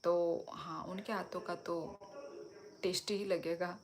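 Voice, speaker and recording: A young woman from Tripura talks slowly in a fairly low voice on a phone live stream. She chats warmly with viewers and answers their comments one by one. Faint crickets sound in the background. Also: fairly even intonation, a little hiss or hum. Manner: chatty, reads and answers viewer comments, switches languages.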